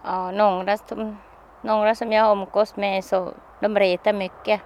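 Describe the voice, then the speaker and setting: A woman tells her own story to an interviewer in an unhurried, personal way. Her sentences are simple and halting, full of restarts as she gropes for words. Her voice sits in an ordinary middle register for a woman. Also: mid-range voice, flat delivery, darkish tone, a little hiss or hum.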